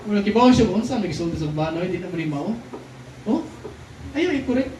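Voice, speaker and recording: A man delivers a lively sermon, tossing "di ba?" and "no?" to his listeners as he moves between languages. His voice sits high for a man. He is heard from a distance in a roomy, echoing hall with a faint hiss of noise behind him. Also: fairly quick. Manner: lively, keeps asking the crowd "di ba?" and "no?"; switches between Cebuano and English lines. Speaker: preacher. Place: church hall.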